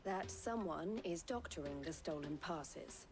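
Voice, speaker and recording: A woman's voice: low voice, animated. Formal, composed woman trader. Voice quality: formal, measured, persuasive. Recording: game audio with music underneath. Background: game music.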